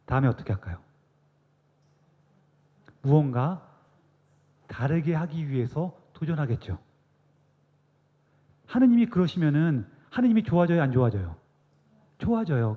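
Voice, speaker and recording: Guy giving a church lecture, asks the room stuff then answers it, long hall reverb, kinda muffled lo-fi sound. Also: fairly high pitch. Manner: asks the audience questions and answers them himself; acts out quoted speech, drops to a soft hush.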